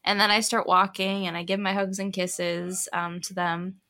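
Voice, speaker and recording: This young woman, co-hosting a relaxed podcast, speaks at a normal speed in a mid-range voice. She chats and tells stories with lots of animation, even acting out the voices of her children.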